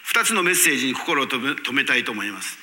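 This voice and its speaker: A man preaching a sermon as pastor, emphatic, rising to loud peaks and dropping to quiet asides. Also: mid-range voice, big pitch swings, fast talker. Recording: long church reverb.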